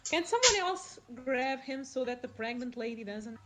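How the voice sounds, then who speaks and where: A woman's voice: sits high, expressive, normal speed, noisy background. A woman playing a tabletop game, speaking casually for her character in a dry, bossy way.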